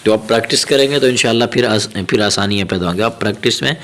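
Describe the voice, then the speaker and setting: A man with a Pakistani Urdu accent teaching Quran reading, patient and encouraging, spelling out syllables slowly and then explaining quickly. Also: on the low side, a bit bright. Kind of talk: teaching lesson.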